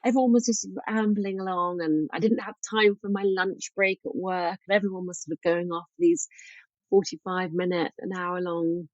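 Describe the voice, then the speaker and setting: A woman's voice: lowish voice, darkish tone, dry recording, highs cut off. A middle-aged woman from England, a guest author telling stories in a casual podcast interview, chatty with frequent ums.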